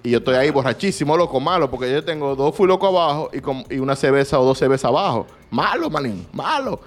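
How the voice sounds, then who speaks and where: A man's voice: mid-range voice, animated, fast. A young man, rambling through a story in slangy casual chat as podcast co-host.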